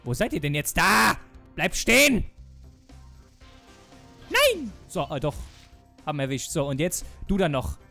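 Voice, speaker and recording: A man commenting on a video game he is playing, excitable, often yelling at enemies and swearing, with faint music behind. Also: on the high side, fairly quick. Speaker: let's player.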